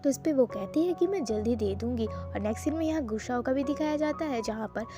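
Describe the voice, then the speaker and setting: A woman's voice: high voice, lively intonation, brisk. A woman casually retelling the plot of a drama episode in a chatty, loose way, with many fillers. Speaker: drama recap narrator. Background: background music.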